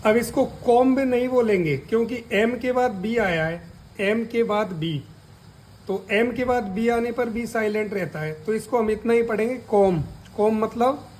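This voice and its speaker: Slow high-voiced teacher. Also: male voice, a little mellow, a little hiss or hum, low-quality recording. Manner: repeats key words and asks then answers his own questions; deliberate, drawn-out spelling of letters. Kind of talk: slow spoken lesson.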